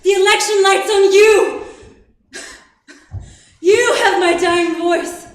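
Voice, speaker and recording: A woman playing an anguished, wounded young prince in a Shakespearean stage tragedy, with drawn-out declamation. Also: very high voice, fairly even intonation. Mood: urgent, dying. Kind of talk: classical Shakespearean stage acting. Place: theatre stage, far microphone. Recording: very echoey distant stage recording, hissy.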